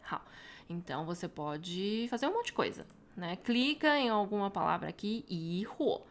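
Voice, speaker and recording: A woman with a Brazilian Portuguese accent, a Mandarin teacher walking viewers through a website in a chatty tutorial, tagging her sentences with quick questions. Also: medium pitch, lively intonation, a little hiss or hum. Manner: chatty, frequent tag questions. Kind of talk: casual screen-share tutorial.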